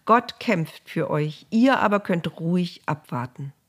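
A woman voicing a calm male leader reassuring his frightened people. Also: fairly low pitch, a little slow, slightly rough.

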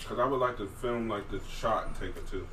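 A man's voice: on the low side, fairly quick, distant mic. A man hosting a casual group banter podcast, talking in loose street slang with profanity. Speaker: podcast host. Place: booth in a barbecue bar. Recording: roomy, off-mic, loud background noise.

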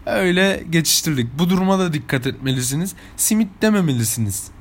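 A young man from İzmir, Turkey, talks quickly with lively intonation and a breathy edge to his fairly high voice. With his İzmir Turkish accent, this vlogger casually chats through anecdotes for his audience.

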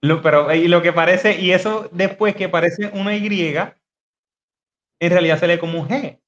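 Podcast host, man, slightly high voice, hesitant and chatty, dull lo-fi call audio. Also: normal speed, fairly bright tone. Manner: hesitant, many fillers and restarts, laughs easily. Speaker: podcast host teaching biblical Greek. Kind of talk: casual teaching chat on a podcast.

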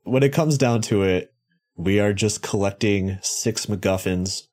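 A man's voice: on the low side, unhurried, darkish tone. A man co-hosting a podcast in casual chat, rambling and joking, swearing freely and correcting himself as he goes. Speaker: podcast co-host.

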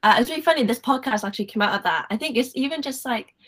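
A woman's voice: on the high side, animated, racing, pushed and bright. A young woman with a Welsh accent hosting a podcast over a call, chatty and upbeat, full of fillers. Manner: chatty, upbeat, giggly, lots of "like". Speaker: podcast host. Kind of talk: casual podcast chat. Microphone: remote call.

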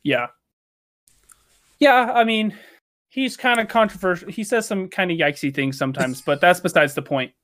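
A man's voice: sits high, moderate pace, pauses often, a bit bright, dry recording. A man chatting casually as a podcast co-host, rambling with lots of "um"s and easy swearing. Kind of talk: casual chat.

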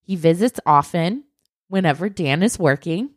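Low-voiced woman telling a true crime tale. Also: moderate pace, no room sound, clean studio sound. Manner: animated, swearing, fillers like "like". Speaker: podcast co-host telling a true crime story. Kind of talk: casual storytelling chat.

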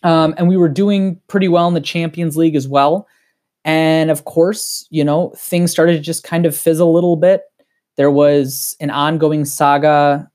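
A man with a Wisconsin accent, a guest on a casual podcast, talking in an excited, heated, rambling way. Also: fairly high pitch, moderate pace.

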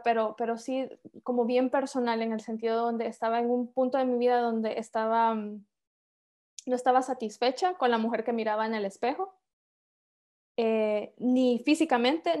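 A woman's voice: a little high, fairly even intonation, moderate pace, a little mellow. A woman in her thirties with a Honduran accent, chatting as a podcast guest, with many fillers and restarts. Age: 30s. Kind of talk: casual interview chat.

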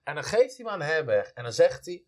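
A man's voice: fairly high pitch, big pitch swings, quick pace. A man in a casual Bible discussion who talks eagerly and affirms his partner often.

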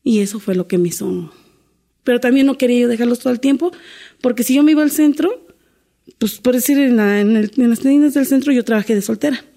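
A woman's voice: a little high, quick pace, gravelly, dark tone. A middle-aged woman, a domestic worker telling her life story in an interview, earnest and full of restarts. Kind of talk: candid interview conversation.

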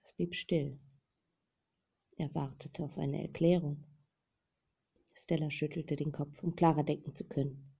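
A woman narrating a dramatic novel as an audiobook in a measured reading. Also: low voice, steady tone, gravelly, mellow, breathy edge. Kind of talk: scripted narration. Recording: dull lo-fi recording.

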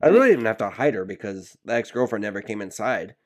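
A man co-hosting a podcast, telling stories in an animated, joking way in a casual chat. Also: fairly low pitch, fast talker. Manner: animated storytelling with laughs. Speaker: podcast co-host.

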